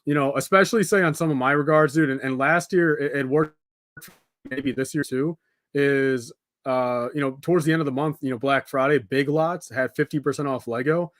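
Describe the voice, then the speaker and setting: This young streamer talks to viewers at a moderate pace, his medium-pitched voice a bit bright, wandering loosely from topic to topic during a building stream. His speech is casual and peppered with "dude" and "man," and the audio is dry with minimal room sound.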